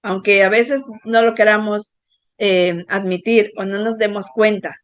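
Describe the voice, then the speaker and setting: A woman's voice: mid-range voice, steady tone, unhurried, dry recording. A woman giving a motivational talk, explaining step by step and often checking in with her listeners. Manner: explanatory, asks the audience for agreement; uses diminutives.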